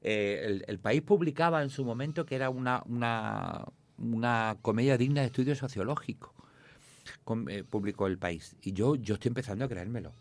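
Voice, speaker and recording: A man telling lively family anecdotes, jumping into a higher voice to play his mother. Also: moderate pace. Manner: animated storytelling, acting out his mother in a high voice. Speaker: comic actor, guest. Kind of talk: casual anecdotes in an interview.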